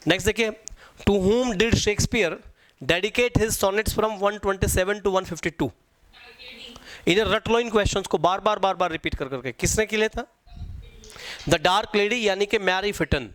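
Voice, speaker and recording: A man's voice: sits high, measured pace, fairly bright tone. A man teaching an exam-prep lecture. He repeats key points and quizzes his students.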